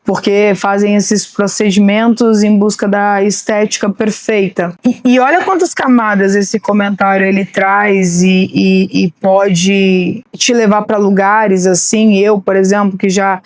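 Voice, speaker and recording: A woman in her late thirties speaks candidly into a close microphone, her voice sitting at an ordinary middle pitch. The sound is dry, with no room around it. She talks in a loose, conversational way, often stopping to restart a phrase. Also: steady tone, measured pace, no echo. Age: late 30s. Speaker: podcast host. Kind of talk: personal monologue.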